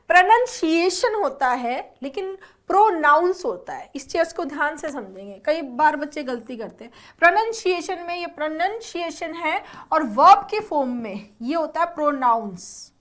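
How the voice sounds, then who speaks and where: A young adult woman teaching vocabulary for exam prep, her voice sitting high. She explains each word and keeps asking her students questions as she goes. English terms slip into her talk often. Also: fairly bright tone. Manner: explains and quizzes students with repeated check-ins.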